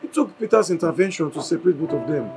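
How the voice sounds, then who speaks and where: A man's voice: fairly high pitch, fast, loud music behind the voice, rough recording. An actor with a Nigerian accent playing a man urging his friend to talk to his girlfriend. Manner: pleading, lively. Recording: film score under dialogue.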